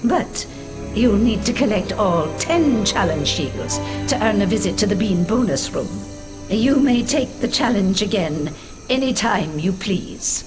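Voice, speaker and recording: A woman's voice: mid-range voice, animated, unhurried, over music, lightly acted. A woman playing a stern but fair older professor in a video game, speaking formally and precisely like a schoolmistress. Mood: approving.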